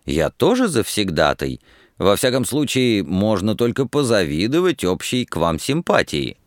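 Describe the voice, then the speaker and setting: A male reader voicing a jovial, talkative student who exclaims warmly in an audiobook. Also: on the low side, very animated, normal speed, dry recording, clean studio sound. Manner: exclaiming, warm.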